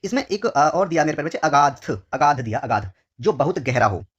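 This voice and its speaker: An Indian Hindi exam teacher works through test questions in an exam walkthrough lesson, slowly repeating each phrase and calling his pupils dear children. His voice is fairly high, sing-song, fairly bright and slightly rough, with highs cut off, and it drops on each answer word.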